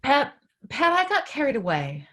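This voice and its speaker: A woman's voice: high voice, wildly swooping pitch, moderate pace, bright, forceful tone, full character voice. A woman reading the part of a devoted sister, speaking earnestly and with emotion in a staged play reading. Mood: anxious. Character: caring adult sister, anxious and tender.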